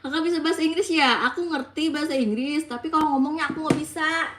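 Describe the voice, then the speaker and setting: A young woman with an Indonesian accent chats casually with her viewers, switching between halting English and quick Indonesian asides. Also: sits high. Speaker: vlogger chatting with viewers. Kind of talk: casual chat. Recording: echoey room with faint noise.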